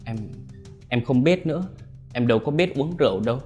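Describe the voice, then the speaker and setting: A man voicing a timid young village woman who answers tearfully and haltingly. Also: medium pitch, expressive, faint music behind, pitched above the performer's own voice, lightly acted. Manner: hesitant, tearful, soft.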